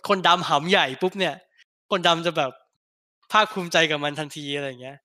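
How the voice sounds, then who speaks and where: A man co-hosting a casual film podcast, talking bluntly with crude slang and many halting restarts. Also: on the high side, sharp tone, dry recording. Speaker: podcast co-host.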